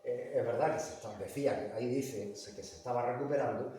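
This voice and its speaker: A man's voice: mid-range voice, quick pace, mellow. Male lecturer, Andalusian Spanish accent, casual storyteller, recorded from afar in a reverberant hall. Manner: conversational, asks the audience. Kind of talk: public talk, storytelling. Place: large echoey palace hall. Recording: echoey hall from far off.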